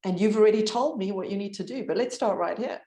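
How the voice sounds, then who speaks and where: A woman coaching a client, encouraging and direct, with a measured delivery and a slight shake in her voice from the cold. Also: mid-range voice, dark tone. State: voice shaking from cold. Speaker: recovery coach. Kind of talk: coaching call.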